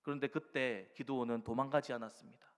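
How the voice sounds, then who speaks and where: A man's voice: medium pitch, fairly even intonation, quick pace. A male pastor preaches a sermon, exhorting the congregation and acting out the words of doubting believers. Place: church sanctuary. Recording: reverberant church hall.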